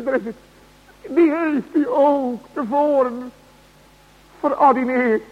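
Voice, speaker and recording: A man preaching a sermon to his congregation, slow and solemn, with emphatic cries. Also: extremely high pitch. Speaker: pastor. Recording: dull radio broadcast in a large hall.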